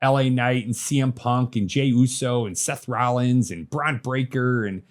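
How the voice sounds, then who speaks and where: A man's voice: medium pitch, moderate pace. A man co-hosting a casual wrestling podcast, joking with catchphrases and thinking aloud about storylines. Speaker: podcast co-host.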